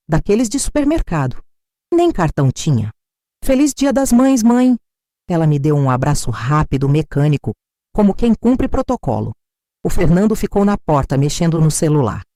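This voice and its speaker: An older woman with a Brazilian Portuguese accent narrating a first-person family story in a measured, bitter, reflective way. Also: fairly low pitch, dark tone, no echo, clean studio sound.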